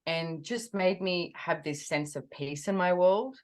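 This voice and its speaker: A woman being interviewed over a video call, telling a personal story with animated energy and acting out her own quoted words. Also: on the low side, unhurried. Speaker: interview guest.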